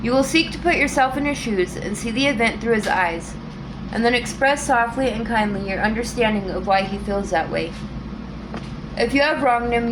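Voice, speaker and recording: A woman reading a book aloud in a calm, measured way, with an occasional small restart. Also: a little high, noisy background. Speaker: audiobook reader.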